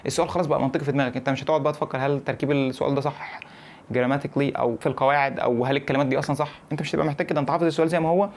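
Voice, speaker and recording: A man's voice: mid-range voice, slight background noise. A young man with an Egyptian Arabic accent giving casual advice to camera, repeating his points and checking that the viewer follows. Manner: rapid, animated, repeats points and checks in with "فاهم؟". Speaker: English-learning YouTuber.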